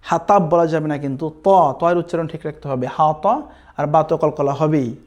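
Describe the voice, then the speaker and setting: A man's voice: fairly high pitch, fairly even intonation, quick pace, a little mellow. A man with a Bangladeshi Bengali accent teaching Quran recitation, patiently repeating sounds and checking in with his students. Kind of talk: recitation lesson with chanted examples.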